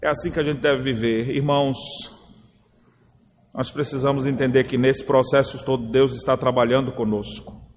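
A man's voice: mid-range voice, fairly even intonation, normal speed, slight background noise. A man preaching a sermon, telling a story with acted voices and building to emphatic exhortations. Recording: long reverb of a large hall, faint ambience.

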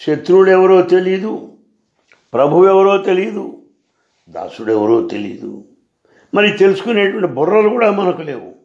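A man with a fairly high voice gives a devotional discourse, unhurried and deliberate. He builds his points through rhetorical questions and repeated phrases. The recording sounds dull and lo-fi. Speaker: spiritual teacher answering listeners' questions.

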